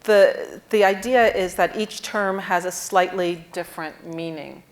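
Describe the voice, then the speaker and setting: A woman moderating a stage panel, measured as she reads out terms and poses questions into a lapel mic. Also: fairly low pitch. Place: auditorium stage.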